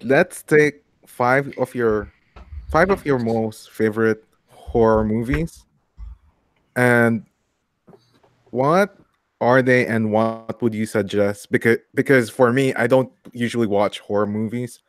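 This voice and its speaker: A man's voice: medium pitch, no room sound. A man co-hosting a show, easygoing, putting questions to his guest. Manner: easygoing, asks questions, quick reactions. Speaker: co-host. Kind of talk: casual chat.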